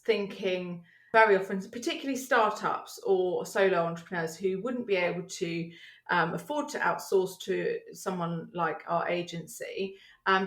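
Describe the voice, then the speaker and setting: A woman guest on a podcast, talking through her work in an animated, chatty way and laughing easily. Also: mid-range voice. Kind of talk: conversational interview. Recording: roomy echo.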